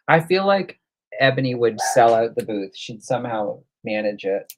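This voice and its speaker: A man's voice: medium pitch, animated, a little slow. A man hosting a casual live coloring demo, chatting and thinking aloud as he works. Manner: chatty, thinks aloud while working, reads out viewer comments. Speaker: livestream host.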